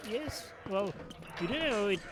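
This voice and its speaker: High-pitched, lively, hesitant man storytelling. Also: a little slow. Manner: hesitant, theatrical, polite. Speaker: storyteller and gamer playing in character. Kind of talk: improvised in-character game narration and storytelling.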